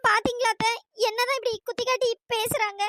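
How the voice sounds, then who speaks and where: Whiny tattletale girl in a cartoon, voiced by a performer, pleading, bright tone. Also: very high voice, fairly even intonation, fairly quick, no room sound, clean studio sound. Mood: whining. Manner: complaining, pleading. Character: whiny young woman tattletale, scheming. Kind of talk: cartoon voice acting.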